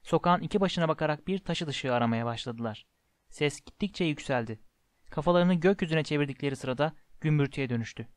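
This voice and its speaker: A man reading a storybook aloud in a measured way, slowing down for descriptive passages. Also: on the high side, no room sound. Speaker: audiobook narrator. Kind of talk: storybook narration.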